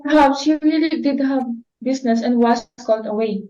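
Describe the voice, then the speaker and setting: A woman's voice: sits high, brisk, warm tone, lo-fi sound, natural voice. A woman playing the flustered, reluctant young daughter of a society hostess in a dramatic reading of a stage play, apologetic and protesting. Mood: anxious, reasoning.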